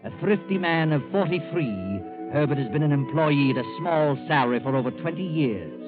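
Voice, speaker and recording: An actor playing an ominous, all-knowing storyteller in a theatrical, deliberate 1940s radio suspense style. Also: male voice, a little high, expressive, phone-quality sound, lightly acted. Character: the Whistler, ominous all-knowing male storyteller of dark tales. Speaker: radio drama narrator. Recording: scratchy 1940s radio, thin band, loud music.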